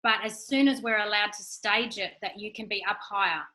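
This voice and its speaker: A woman in her forties answering audience questions in a frank, animated way, acting out quoted exchanges. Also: medium pitch, brisk, poor audio. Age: 40s. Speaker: guest speaker. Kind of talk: candid Q&A talk.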